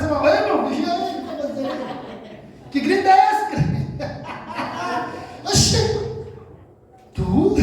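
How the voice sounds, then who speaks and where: Brazilian male preacher, loud and sing-song, jokey; distant mic in a long-reverb church hall. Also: extremely high pitch. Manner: shouting, sing-song, joking. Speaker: pastor. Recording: echoey hall from far off.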